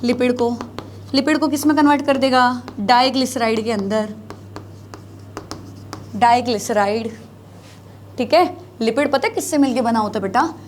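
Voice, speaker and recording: Writing on the board during a biology class, this woman repeats key terms, asks her students questions and answers them herself, blending Hindi and English. Her voice is on the high side with a darkish tone, she talks at normal speed with frequent pauses, and a little hiss or hum is audible.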